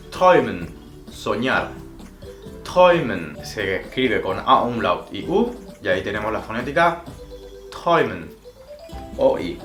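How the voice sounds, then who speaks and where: A German teacher whose first language is Spanish gives a pronunciation lesson, demonstrating words slowly and carefully in a medium-pitched voice. The recording has a roomy echo with faint music.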